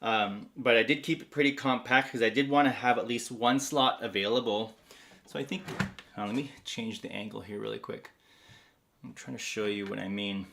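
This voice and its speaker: A man's voice: fairly low pitch, steady tone, moderate pace, gravelly, noisy background. A man hosting a livestream in a casual, rambling way, full of fillers, reading viewer comments aloud. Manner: rambling, many fillers, reads chat aloud. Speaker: livestream host.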